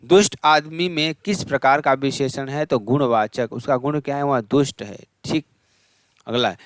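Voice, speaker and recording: A medium-pitched man, captured in a dry recording, teaches an exam revision lesson as a Hindi exam-prep teacher. Reading lists rapidly, he quizzes the class, then answers his own questions and repeats what he said.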